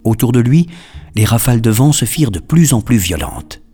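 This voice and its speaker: A man narrating a children's story in an expressive, storytelling manner. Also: mid-range voice, normal speed, slightly rough, soft background music.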